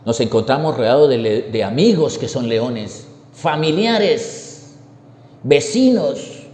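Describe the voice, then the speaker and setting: A man preaching a sermon, telling the story slowly and emphatically with repeated phrases. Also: fairly high pitch, a little mellow, reverberant, long reverb tail.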